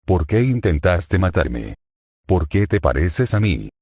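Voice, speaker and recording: Deep male tts voice reading a scared confused amnesiac girl, flat delivery, dry. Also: slow, breathy edge, no room sound, full character voice. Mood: frightened. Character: frightened amnesiac young woman, confused and timid.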